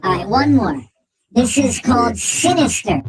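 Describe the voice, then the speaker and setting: A man testing a voice changer that makes him sound like a high chipmunk, playfully trying out filters on a livestream. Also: very animated, unhurried, husky, distant mic, exaggerated voice, low-quality recording. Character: squeaky sped-up chipmunk man. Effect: high-pitched chipmunk voice changer. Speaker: co-host. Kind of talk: casual livestream chat.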